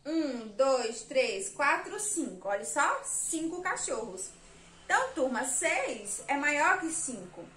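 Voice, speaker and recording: A woman's voice: high-pitched, big pitch swings, slow, fairly bright tone, roomy sound, slight background noise. A Brazilian woman teaching a remote lesson to young children, patiently counting aloud and spelling out words. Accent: Brazilian Portuguese. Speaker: primary school teacher.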